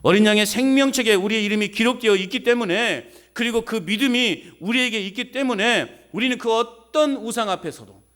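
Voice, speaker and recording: A man preaching a sermon as pastor, animated, with folksy rhetorical questions and call-and-response with the congregation. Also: high voice, brisk, few pauses.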